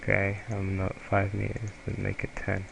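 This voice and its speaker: A young German man, a native German speaker, presents a software tutorial over a screen recording as a student presenter, halting and correcting himself. His voice sits low, monotone and gravelly, with background noise audible.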